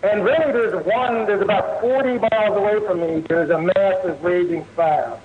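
A man from New Jersey calls in to a talk show on a speakerphone that keeps breaking up, and he speaks haltingly with many fillers. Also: high voice, over a noisy crowd. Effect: speakerphone call that breaks up. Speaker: caller. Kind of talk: phone-in call to a talk show. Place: rural home. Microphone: phone on speakerphone. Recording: tinny noisy speakerphone line.

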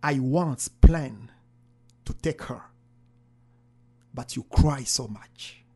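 A man's voice: medium pitch, drawn-out words, warm tone, slightly rough. A man voicing God, stern and commanding. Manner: solemn, commanding.

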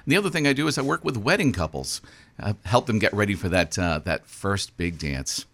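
A man with a very low voice speaks as a ballroom dance instructor and radio guest. His delivery is smooth and practiced, like someone used to voicing commercials, with dry jokes along the way. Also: very animated, brisk, a bit bright. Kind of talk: radio interview. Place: radio studio.

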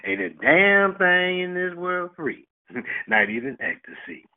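A man's voice: high-pitched, sing-song, slow pace. A man from Houston, Texas reading a sensual spoken word poem, chuckling between lines. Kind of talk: slow sensual poetry reading. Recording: tinny phone line.

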